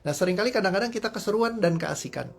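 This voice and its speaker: A man's voice: high voice, animated, racing, creaky. A man coaching in a live-streamed talk, telling personal stories in a chatty, self-deprecating way and laughing often. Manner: conversational, sprinkles agreement tags. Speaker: motivational coach.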